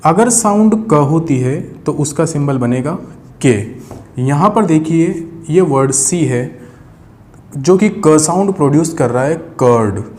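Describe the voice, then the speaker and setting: Here a man explains an English phonetics lesson at a board, calling his viewers friends and patiently going over key sounds again and again. His voice is a little high and darkish, lively yet unhurried.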